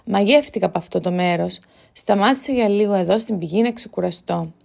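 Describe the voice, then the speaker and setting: A mysterious young noblewoman from a storybook, as a woman reader puts her on. She answers politely and softly in a calm, gravelly voice. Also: medium pitch. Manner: polite, soft-spoken.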